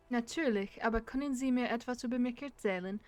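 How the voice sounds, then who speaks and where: Woman, let's play host, giggly, chatty, slightly high voice. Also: moderate pace, a little mellow. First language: German. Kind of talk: gaming let's play, reading dialogue aloud.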